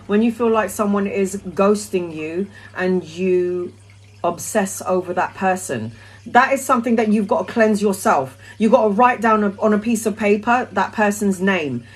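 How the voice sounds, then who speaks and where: A woman's voice: medium pitch, normal speed, slightly rough, poor audio. A middle-aged woman chatting casually on a live stream, answering viewers' questions as a tarot reader in a blunt, sweary, rambling way.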